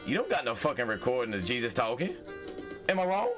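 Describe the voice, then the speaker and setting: A man's voice: medium pitch, very animated, fast talker, over music. A man hosting a casual advice vlog, heated and profane, who repeats phrases for emphasis. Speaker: vlog host.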